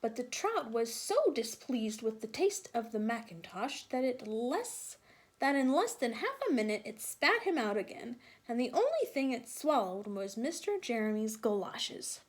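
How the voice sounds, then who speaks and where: A woman with a fairly high, slightly rough voice reads a picture book aloud to young children at a normal speed. She is expressive, emphasizing sound effects and adding asides and questions for her listeners.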